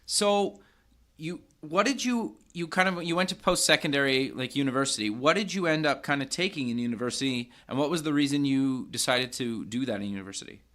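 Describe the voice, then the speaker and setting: A man's voice: mid-range voice, expressive, fairly quick, fairly bright tone. Upbeat North American podcast host man. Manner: upbeat, hedging with "kind of" and fillers. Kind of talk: casual interview hosting.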